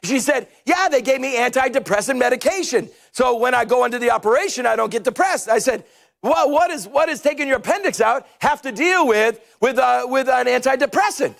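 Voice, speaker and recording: A middle-aged man preaching a humorous, animated sermon on a church stage with a headset mic, now and then shouting his points. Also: very high-pitched, fairly quick, creaky. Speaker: pastor.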